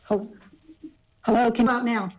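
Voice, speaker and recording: A woman's voice: fairly high pitch, fairly even intonation, moderate pace, low-quality recording. A woman calling in to give public comment, her voice cutting in and out over a choppy connection as she halts and restarts phrases. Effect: choppy breaking-up call connection that cuts in and out. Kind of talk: public comment at a county meeting. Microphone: remote call line.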